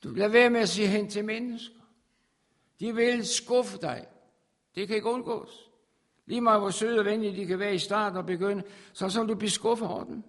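High-voiced man preaching an emphatic sermon. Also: fairly even intonation. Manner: emphatic, repeats phrases, swings from soft to loud.

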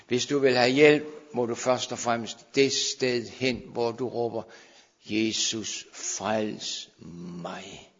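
A man preaching a sermon, moving between hushed, slow pleading and raised, urgent calls to his listeners. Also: medium pitch. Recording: dull sound with long hall reverb.

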